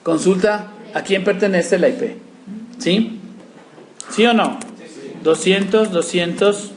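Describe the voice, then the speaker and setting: A male networking instructor with a high-pitched voice talks slowly as he types commands in a live command-line demo, checking in with students after every step. The classroom is echoey with faint room noise.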